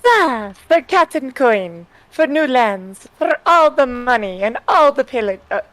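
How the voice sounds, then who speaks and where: A woman's voice: sits high, big pitch swings, a little slow, a bit bright, no echo, heavily acted, low-quality recording. Theatrical cat adventurer, greedy and declaiming, female player, dry recording. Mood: greedy bravado. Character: greedy swashbuckling old cat fae adventurer. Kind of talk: tabletop role-play.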